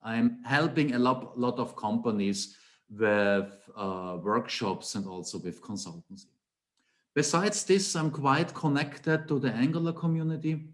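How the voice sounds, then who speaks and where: A middle-aged Austrian man, an Angular trainer, gives a technical conference talk over a webcam call from a small home office, speaking with an Austrian German accent. He explains using rhetorical questions and emphatic repetition. His voice is medium-pitched and unhurried.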